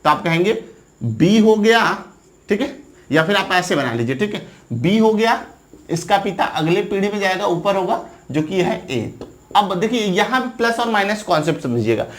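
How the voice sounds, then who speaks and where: A man's voice: sits high, animated, normal speed. A man teaching exam students, asking the viewer questions and answering them, often checking in with "right?". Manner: repetitive, checks in with "theek hai na" often. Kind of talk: classroom lecture.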